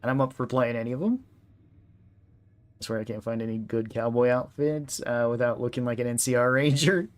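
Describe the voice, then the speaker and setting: A man's voice: medium pitch, fairly even intonation, fairly quick. A man giving casual, chatty commentary while streaming a video game, laughing often. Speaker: gaming streamer.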